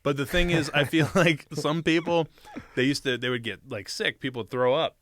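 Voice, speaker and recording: A man's voice: a little high, moderate pace, fairly bright tone, a little hiss or hum. A man in a casual interview, telling stories as the guest in a rambling, profane, slangy way. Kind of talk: casual chat, storytelling.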